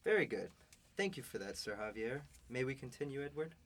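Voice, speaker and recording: A man's voice: medium pitch, very animated, fairly quick. Guy doing an older knight, polite and formal, radio play style. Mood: courteous. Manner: formal, courteous. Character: older male knight, courteous and weary. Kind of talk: student radio drama acting.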